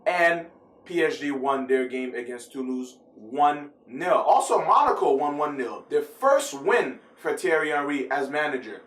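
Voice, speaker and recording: A slightly high-voiced man chats his way through the weekend's football news, rambling and correcting himself as he goes. He sits a little back from the mic, and the room adds a clear echo. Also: big pitch swings, a little slow, a bit bright, far from the mic. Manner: chatty, rambling, self-correcting. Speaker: football vlogger. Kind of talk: casual football news vlog. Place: filmed at home in the US.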